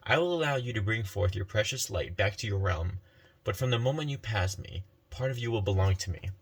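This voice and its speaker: A man's voice: fairly low pitch, expressive, brisk, husky. A man whispering as cunning hooded Death. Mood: menacing. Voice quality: soft whisper with a sharp edge. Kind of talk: whispered role-play.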